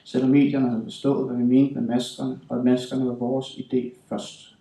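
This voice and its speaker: A man's voice: mid-range voice, completely flat delivery, gravelly, dark tone, distant mic. Man reading in a roomy hall. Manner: measured, deliberate delivery with slow emphatic stretches. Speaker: author reading his own work. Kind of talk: literary reading. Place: reading hall at a writing school.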